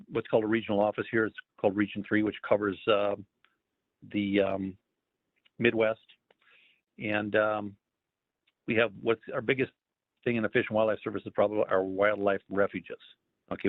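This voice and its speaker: A man's voice: fairly low pitch, dry recording. A man speaking over a phone line on an online call, giving a casual career talk with lots of ums and uhs. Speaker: federal wildlife agency staffer giving a career talk. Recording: tinny phone line, dry.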